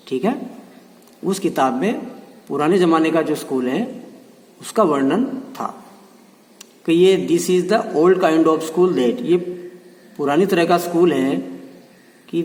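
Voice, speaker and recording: A male teacher gives a textbook lesson, his voice set a little higher than most men's. He reads each English line slowly before explaining it in Hindi and keeps checking in with the class. He sounds far from the mic in a room with a long, echoey reverb. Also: a little mellow. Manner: repeats meanings with frequent check-ins.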